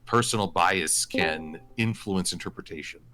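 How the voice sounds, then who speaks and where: A man on a discussion panel, explaining his points in a measured way. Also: low voice, sharp tone.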